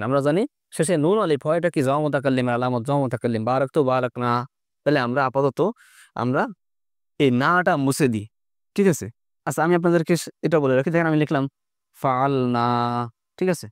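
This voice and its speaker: A man's voice: medium pitch, brisk, long pauses, smooth, no room sound, studio quality. A man with a Bangladeshi Bengali accent teaching an online Arabic grammar lesson. He keeps asking questions and coaxes the students to answer.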